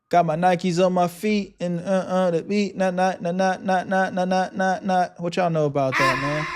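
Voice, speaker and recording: Talking through a headset mic, a live streamer reacts to a video in loose slang, speaking straight back at the screen and greeting his chat. His voice is fairly high with a darkish tone, and the commentary is casual.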